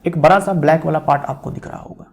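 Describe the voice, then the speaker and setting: Man, exam-prep lecturer; high, gravelly voice; quizzes himself, repeats. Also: fast talker. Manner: repeats key terms, asks and answers his own questions. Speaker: teacher.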